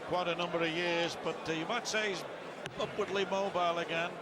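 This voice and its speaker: A middle-aged man giving live darts commentary in a measured, wordy way with wry turns of phrase. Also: high voice, steady tone. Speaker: darts commentator, expert summarizer. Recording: very loud crowd noise behind. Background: loud darts arena crowd.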